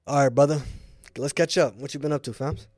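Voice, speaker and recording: A man's voice: fairly high pitch, steady tone, a little fast, a little mellow, no echo, clean studio sound. A young man hosting a podcast in laid-back, slangy casual chat, often tagging "you know what I'm saying". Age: young adult. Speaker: podcast host.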